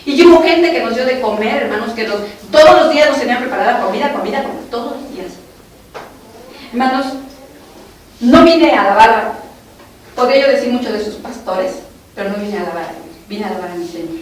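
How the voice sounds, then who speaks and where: A woman's voice: on the high side, fairly quick. A woman with a Mexican accent, a doctor giving an earnest, emotional testimony to a congregation in a church. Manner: earnest, emotional, often addressing the brothers and sisters. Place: church hall. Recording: echoey hall from far off, faint noise.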